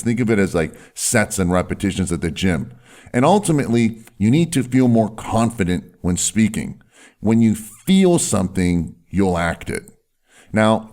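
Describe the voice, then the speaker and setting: Male presenter, deep and firm voice, emphatic instructional delivery with stretched key words. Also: darkish tone. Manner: emphatic, stretches key words, often tags sentences with "right". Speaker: presenter giving voice and health advice. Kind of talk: instructional talk to camera or listener, salesy explainer.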